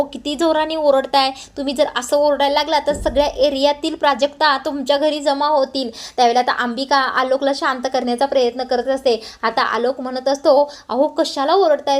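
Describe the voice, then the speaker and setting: High-voiced woman briskly retelling a serial. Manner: quotes every character's dialogue in her own voice; brisk storyteller with frequent "uh" pauses. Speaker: serial recap narrator.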